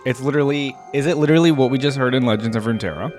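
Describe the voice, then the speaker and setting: Soft background music plays as a reaction video host delivers relaxed gaming commentary in rapid-fire fashion. His mid-range voice is a little mellow, and he thinks aloud in an informal, easygoing way.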